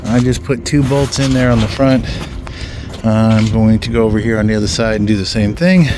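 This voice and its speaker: A man's voice: on the low side, moderate pace, background noise. A man giving casual, rambling commentary outdoors while working on his own vehicle, full of ums and mild swearing. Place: outdoors in a yard beside a vehicle.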